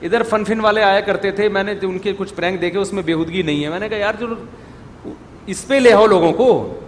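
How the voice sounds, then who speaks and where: A middle-aged male preacher, talking in a conversational, scolding way full of rhetorical questions. His voice sits a little high for a man. The recording carries a long hall reverb and a faint murmur of room noise. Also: fairly even intonation. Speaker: religious scholar, preacher. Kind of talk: informal religious talk to an audience.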